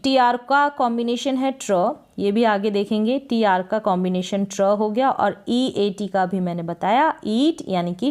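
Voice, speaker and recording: A woman teaching a lesson that spells out English words slowly, asking questions and answering them herself. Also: medium pitch, darkish tone. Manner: slow, drawn-out spelling of each word, then repeats the meaning. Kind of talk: spoken Hindi lesson on reading English words.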